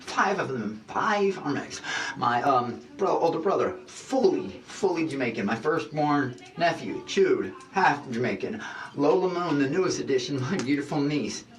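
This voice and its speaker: A man's voice: mid-range voice, animated, normal speed, roomy sound, recorded from a distance, background noise. A man in a reality show, apologizing in a flustered, rambling way, full of restarts and stumbles. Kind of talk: emotional apology conversation.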